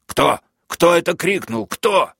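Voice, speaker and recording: A man voicing a furious, bullying prison major who screams in shrill outbursts while reading an audiobook. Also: lively intonation, a little slow, gravelly, a bit bright, breathy edge, no echo, clean studio sound, full character voice. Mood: shrieking furious.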